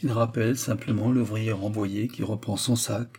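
A man reads a classic novel aloud at a measured pace. His voice is dark and mellow with a husky edge. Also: fairly low pitch, steady tone. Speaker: audiobook narrator. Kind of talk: scripted narration.

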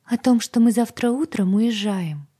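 A woman reader voicing a frightened, tearful young woman servant who pleads in a high, strained voice. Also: measured pace, mellow, husky. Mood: anxious. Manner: pleading, breathless and high-strung.

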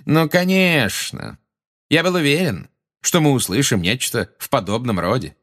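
A man's voice: mid-range voice, very animated, a little fast, a bit bright, pitched above the performer's own voice. A man doing a sneering pompous minister. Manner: sneering, haughty. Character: pompous scornful middle-aged male minister.

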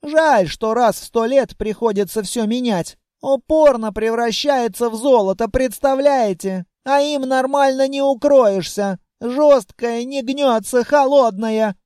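A man's voice: extremely high pitch, unhurried, hardly any pauses, a little mellow, dry recording, clean studio sound, pitched above the performer's own voice. Man doing a timid flustered dragoness. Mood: chatty. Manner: shrieking, apologetic, chatty. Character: timid fussy female dragon, polite and flustered.

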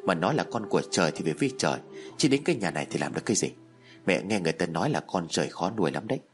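A man's voice: fairly low pitch, sing-song, quick pace, music in the background. A man reading the part of a scheming, spiteful old mother-in-law who scolds and sneers. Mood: dismissive.

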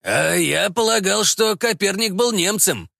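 A man voicing a calm, shrewd male official in an audiobook reading. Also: high voice, vocal fry, dry recording, studio quality, pitched above the performer's own voice, exaggerated voice. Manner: calm, measured.

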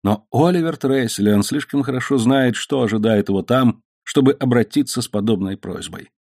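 A man reading an audiobook voices an indignant middle-aged knight who is quick to anger, with raised, forceful outbursts. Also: medium pitch, no room sound, studio quality, close to an everyday voice.

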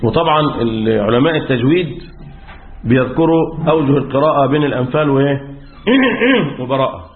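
A man teaching Quran recitation rules in Egyptian Arabic, asking questions and answering them himself, often clearing his throat. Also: mid-range voice, expressive, a little fast, echoey room, a little hiss or hum. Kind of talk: religious lesson on recitation rules. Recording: tinny phone-like audio.

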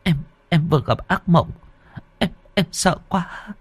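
A man's voice: a little high, a little slow, husky, dry recording, voice pushed up. A man voicing a frightened young pregnant wife who stammers and pleads. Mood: scared.

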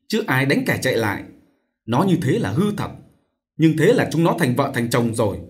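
A man voicing a gentle, persuasive middle-aged aunt who soothes and coaxes, in a storybook reading. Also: medium pitch, close to an everyday voice. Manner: soothing, coaxing.

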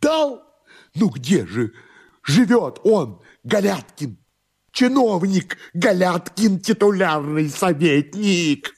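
A frantic middle-aged clerk pitched far above a normal speaking voice. He shrieks and pleads by turns, drawing the words out slowly and breaking toward sobs. The voice is husky under the strain. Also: very animated, full character voice. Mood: shrieking. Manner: shrill, shouting, near sobbing. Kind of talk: audiobook character voice.

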